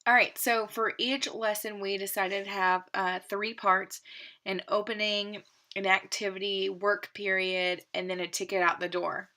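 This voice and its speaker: A woman teacher explaining a literacy lesson plan step by step, steady and methodical, with occasional fillers. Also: medium pitch, measured pace.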